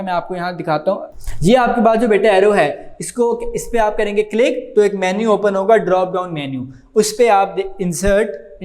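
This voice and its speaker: A male teacher who speaks natively, reading English textbook lines slowly and then explaining them to young students, whom he calls "beta". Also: sits high. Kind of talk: screen-recorded computer lesson for schoolchildren.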